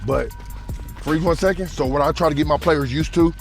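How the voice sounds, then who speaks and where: A man's voice: fairly high pitch, brisk, gravelly, soft background music. A man in his fifties who coaches athletes, calling out footwork drills and counting beats in an upbeat, instructive way. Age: 50s. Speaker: speed coach.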